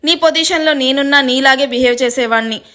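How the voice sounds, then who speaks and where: A woman's voice: high voice, fairly quick. A woman reading an audio story, voicing a joking, easygoing young man who mocks and teases. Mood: teasing. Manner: joking, mocking, calm. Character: teasing easygoing young man, brother-in-law.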